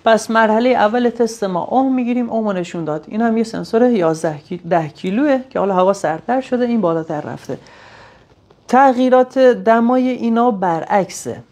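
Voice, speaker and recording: A woman's voice: on the high side, lively intonation, a little mellow. A woman giving a hands-on technical tutorial, explaining each step plainly and thinking aloud as she works. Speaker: technician demonstrating sensor tests.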